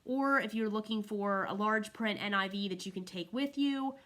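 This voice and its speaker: A woman's voice: medium pitch, normal speed, a bit bright. A woman in a casual, chatty product review, walking through pages as she talks. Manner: friendly, chatty, walks through pages while talking. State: slightly out of breath. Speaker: Bible reviewer.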